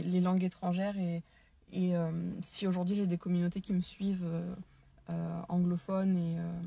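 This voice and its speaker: A woman's voice: lowish voice, gravelly, mellow, no echo. A French-speaking woman hosting a casual live stream, enthusiastic but hesitant, with many fillers and restarts. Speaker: live stream host, dance and neurotraining teacher. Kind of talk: casual Facebook live talk.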